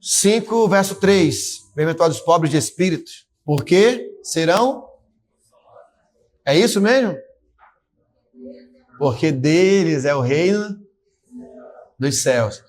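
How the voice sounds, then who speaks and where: A man preaching a fervent sermon at a church service, exhorting and calling out to the congregation. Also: high-pitched. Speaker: pastor.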